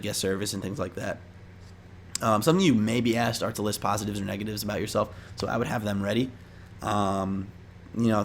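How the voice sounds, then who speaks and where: In this casual to-camera chat, a young man offers interview advice in loose, slangy, meandering fashion. He has a lowish, gravelly voice, and some faint background noise can be heard.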